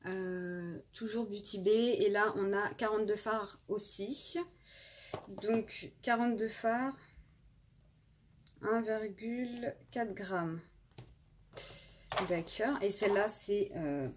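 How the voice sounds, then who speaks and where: A woman's voice: mid-range voice, darkish tone, a little hiss or hum. A woman in her twenties casually reviewing makeup palettes as a beauty vlogger, chatty with many fillers and restarts, filmed on a phone indoors. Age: 20s. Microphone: phone camera.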